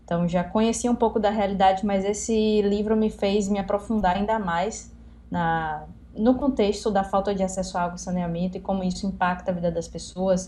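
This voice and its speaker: A woman in her 20s from Salvador, Bahia, Brazil, a young scientist appearing as an interview guest, earnestly tells her story in answer to a question. Her voice is medium-pitched with a dark tone.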